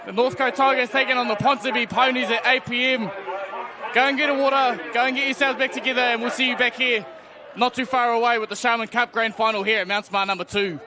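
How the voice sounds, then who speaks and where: A man shouting match results and what's next over a sports ground PA. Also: extremely high pitch, steady tone, fast talker. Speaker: ground announcer. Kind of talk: shouted PA announcement. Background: crowd.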